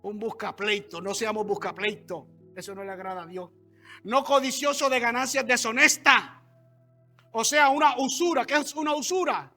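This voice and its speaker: A man preaches a sermon in a church, talking straight to the congregation with asides and quick questions. His voice sits very high and rings bright and forceful. Soft music plays faintly behind him. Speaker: pastor.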